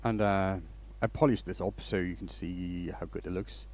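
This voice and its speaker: In a low-pitched, slightly mellow voice with fairly even intonation and moderate pace, a Danish man hosts a relaxed woodturning livestream. He rambles and restarts sentences while welcoming viewers as he works.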